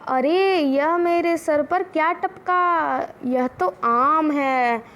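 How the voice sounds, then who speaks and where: A woman's voice: sits high, very slow, slight background noise, pitched above the performer's own voice, exaggerated voice. A woman voicing a cheerful, forgetful little village boy in a children's story. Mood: surprised. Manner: excited, childlike exclamations.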